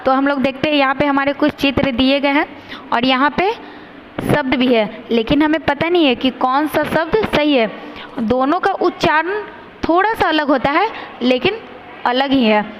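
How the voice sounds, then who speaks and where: A woman teacher giving a grammar lesson to children, saying each sound slowly and carefully, stressing the difference between letters. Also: high-pitched, lo-fi sound, slight background noise.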